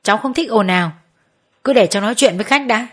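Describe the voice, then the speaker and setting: A woman voicing a male brothel boss who speaks calmly and firmly. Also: a little high, quick pace, husky. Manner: calm, firm.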